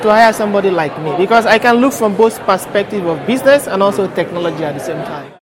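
A man's voice: high voice, animated, quick pace. Man from Nigeria, crowd around. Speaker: interviewee, student. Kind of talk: casual interview answers. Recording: crowd chatter behind.

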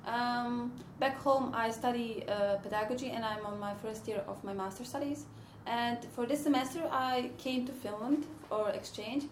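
Young woman from bosnia, student guest, hesitant, soft-spoken, highish voice, echoey room. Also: moderate pace, few pauses, a little hiss or hum. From Bosnia and Herzegovina. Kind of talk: interview answers.

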